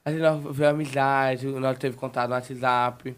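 A man's voice: mid-range voice, flat delivery, moderate pace, clear, resonant tone. A man, chatting casually as a guest. He tells a long personal story, repeating words and restarting his sentences as he goes.

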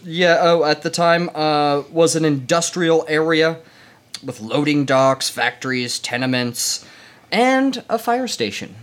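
A man's voice: fairly high pitch, expressive, slow pace, a bit bright. A man casually telling a history story on a podcast, rambling with lots of fillers. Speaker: podcast co-host.

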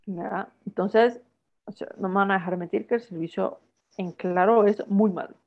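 A woman's voice: mid-range voice, normal speed, lo-fi sound. A woman from Guatemala, co-hosting a casual chat and telling stories that she acts out with little bits of dialogue. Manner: animated storyteller who acts out dialogue. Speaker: podcast co-host.

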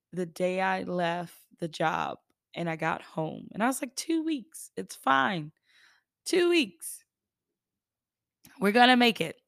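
A woman hosts her podcast as a chatty storyteller. Her pitch sits a little low, with noticeable vocal fry. The sound is close and dry, with no room echo. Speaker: podcast host. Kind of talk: casual chatty monologue, storytelling.

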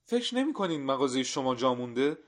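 A man's voice: medium pitch, very animated, voice pushed up, close to an everyday voice. A man voicing a politely ironic shopkeeper in an audio story. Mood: wry. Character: dry, sarcastic male shopkeeper.

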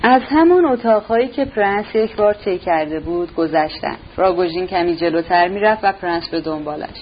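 A woman narrating a novel in a steady, measured reading, in a dull recording with a faint hiss. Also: fairly low pitch. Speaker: audiobook narrator.

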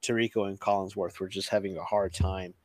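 A man's voice: low-pitched, fairly even intonation, a little fast, dry recording. A man co-hosting a casual sports podcast, swearing freely, laughing often and restarting his sentences. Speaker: podcast co-host.

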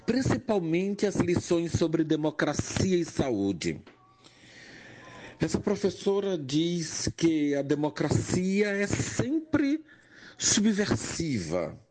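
An older man with a Pernambuco accent, a nurse and educator, giving a slow, measured personal testimony that rises in emphasis on key points. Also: on the high side, very animated, a little mellow. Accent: Pernambuco Portuguese. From Brazil, Pernambuco.

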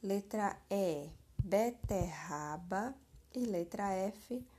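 A woman teacher reads out answer keys for young pupils, slowly and deliberately, spelling words out. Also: mid-range voice, expressive, warm tone, breathy edge. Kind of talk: slow classroom answer-key reading.

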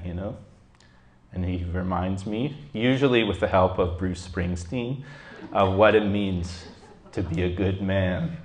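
Deep-voiced man telling a story, roomy echo. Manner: halting, reflective, many fillers. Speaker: group participant sharing a story. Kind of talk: personal storytelling.

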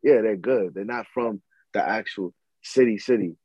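A young man talks in a relaxed, musing way, dropping slang in a casual chat. His voice is low and a little husky. The recording is dry, with no room echo. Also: normal speed, dull audio. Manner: laid-back, musing, slangy.

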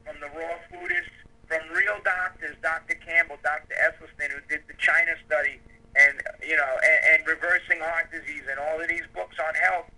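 A man's voice: on the high side, expressive, normal speed, pushed and bright, rough recording. A man in his fifties, a guest author in casual podcast talk, swearing constantly, with stammered restarts. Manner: profane, emphatic, stammering restarts.

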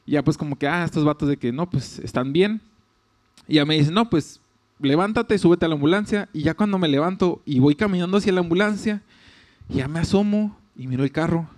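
A young man with a Mexican accent, casually telling a personal story with lively asides and quoted voices. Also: on the high side, brisk. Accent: Mexican Spanish. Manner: animated, chatty, fillers, laughs, quotes others.

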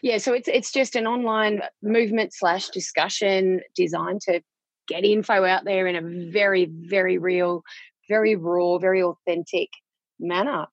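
A woman's voice: medium pitch, fairly even intonation, a little slow, no echo, muffled recording. A woman in her forties with an Australian accent, talking frankly and chattily as an interview guest. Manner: frank and chatty, with casual Aussie slang. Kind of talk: candid personal interview.

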